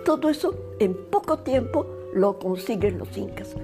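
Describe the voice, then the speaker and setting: A woman's voice: a little high, sing-song, a little slow, over loud music. A woman historian explaining things thoughtfully in an interview, with small hesitations.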